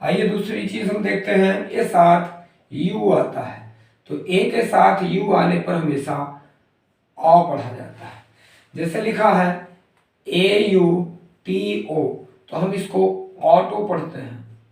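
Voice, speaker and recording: A man's voice: high-pitched, slow pace, vocal fry, a little mellow. A man teaching English pronunciation in a methodical way, spelling out letters one by one before saying each word. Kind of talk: explanatory lesson. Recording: very echoey room, far from the mic.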